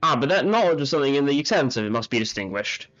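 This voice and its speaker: A man's voice: mid-range voice, very animated, fast talker, a bit bright. A man voicing a cold, condescending male researcher who talks in a formal, lecturing way, heard on muffled audio with faint game music.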